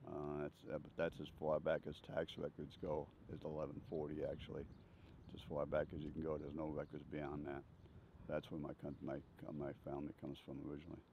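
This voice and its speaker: Older man, very deep gravelly voice, rambling chuckling anecdotes, slightly dull outdoor recording. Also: completely flat delivery, brisk. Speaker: interviewee. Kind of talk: casual life-story storytelling. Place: outdoors on a bench. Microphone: handheld furry-windscreen mic held near chest. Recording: slightly dull sound, faint outdoor noise.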